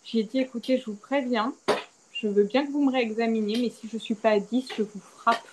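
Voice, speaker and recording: A young woman, a podcast guest, candidly recounting a personal story and acting out the quoted dialogue with lively swings in her voice. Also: brisk, background noise. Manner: animated, acts out quoted dialogue with big pitch swings. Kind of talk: candid storytelling about childbirth.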